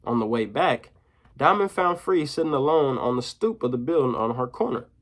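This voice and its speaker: A man reading a children's chapter book aloud in a mid-range voice, lively in places. He breaks off for relaxed, slangy comments to young listeners. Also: medium pitch, moderate pace. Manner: casual, slangy asides to listeners. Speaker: teacher.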